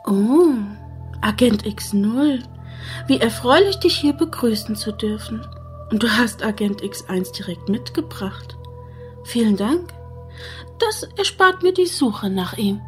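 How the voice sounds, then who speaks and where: A woman's voice: fairly high pitch, animated, a little slow, soft background music. A woman playing a smug, condescending crime boss who craves world domination, theatrical and mock-polite, in an audio drama. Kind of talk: hobby audio drama acting.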